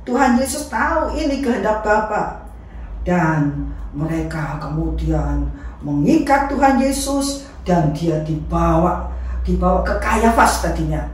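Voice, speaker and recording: A woman teaching children, telling a Bible story in an animated, lively way and asking the kids questions. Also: fairly low pitch, unhurried, slight background noise. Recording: echoey room from far off.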